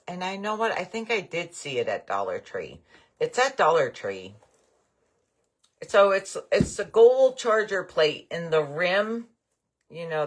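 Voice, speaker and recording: An older woman hosting a craft livestream, chatting casually and rambling happily with her viewers. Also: sits low. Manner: chatty, rambling, enthusiastic about bargains. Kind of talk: casual live-stream chat with viewers.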